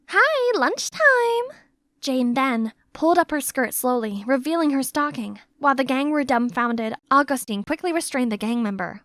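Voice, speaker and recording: Woman narrator for animated story, young agent type, high voice, no room sound at all. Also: no room sound, studio quality. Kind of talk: first-person scripted animated-story narration.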